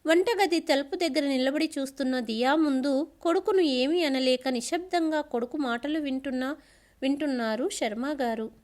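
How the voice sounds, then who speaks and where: High pitched lady reading a story aloud, steady and plain. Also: moderate pace. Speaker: story narrator. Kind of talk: storybook narration.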